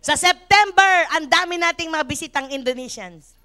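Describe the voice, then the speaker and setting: A middle-aged woman pastor preaching a sermon, telling lively, humorous stories and switching between Tagalog and English. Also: very high voice, normal speed. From Philippines. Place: church service.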